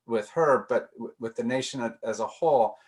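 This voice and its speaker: Man, discussion leader, reflective, halting restarts, mid-pitched voice. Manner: reflective, many restarts and repeated words. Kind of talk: casual group discussion.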